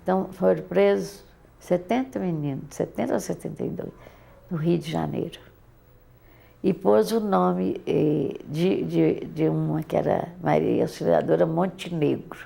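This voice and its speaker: Gravelly older Brazilian woman, halting. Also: fairly low pitch, mellow. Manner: halting, repeats and restarts words. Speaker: interviewee, mother recalling her daughter. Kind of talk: oral history testimony.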